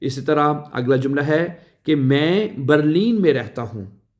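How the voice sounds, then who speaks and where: A man giving a language lesson, saying each phrase slowly and repeating it, often checking with "right?". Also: a little high. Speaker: language teacher.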